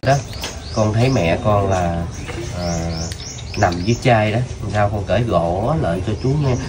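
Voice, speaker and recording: A man interviewing a child, asking gentle, coaxing questions with many fillers. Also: lowish voice, a little slow. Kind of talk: casual street interview. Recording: outdoor video with noticeable background noise.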